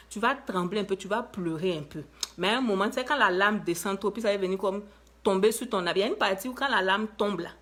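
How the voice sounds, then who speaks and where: A woman with an Ivorian French accent giving an inspirational talk to viewers, emphatic and lively, full of rhetorical questions and repeated phrases. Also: mid-range voice, husky. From Ivory Coast. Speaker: motivational speaker.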